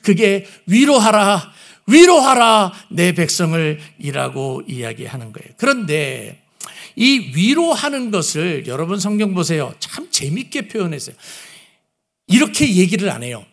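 A man's voice: sits high, sing-song, moderate pace, gravelly. A man preaching a sermon who asks his listeners questions and acts out the lines he quotes. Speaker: pastor.

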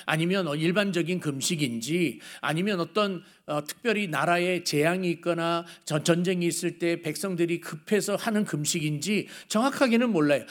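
A middle-aged man preaches a sermon in a notably high voice. He talks to his congregation in a relaxed, conversational way. He moves between stories and pointed rhetorical questions. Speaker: pastor.

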